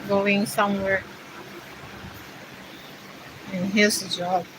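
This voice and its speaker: Chatting casually on her livestream, this vlogger from the Philippines reads viewers' comments aloud in hesitant, filler-heavy English with a Filipino accent. She speaks at medium pitch in a level tone, taking her time, with background noise behind her.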